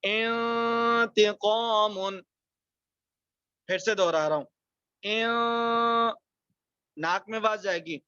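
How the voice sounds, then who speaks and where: High-voiced man teaching Quran recitation. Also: pushed and bright, clear, resonant tone, no echo, muffled recording. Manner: explains rules quickly, then recites words slowly and drawn out. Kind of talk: online recitation lesson.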